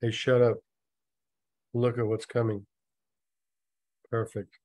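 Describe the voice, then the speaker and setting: A man's voice: mid-range voice, fairly even intonation, fairly quick, darkish tone, no echo, clean studio sound, lightly acted. A man reading aloud as a cocky teenage bully goading his friend, in a taunting voice. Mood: bossy.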